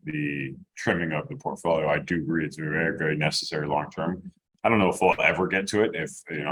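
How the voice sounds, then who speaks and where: A man in a casual panel discussion, asking questions in a halting way as he thinks aloud and restarts his sentences. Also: low voice, a bit bright, husky, poor audio. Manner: halting, thinking aloud with repeated false starts.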